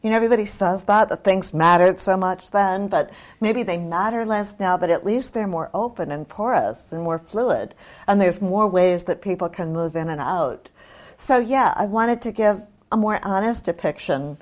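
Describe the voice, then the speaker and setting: An older woman from New Zealand speaks at a middle pitch as an author in discussion. She is candid and discursive, leaning on key words in a conversational way. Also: moderate pace.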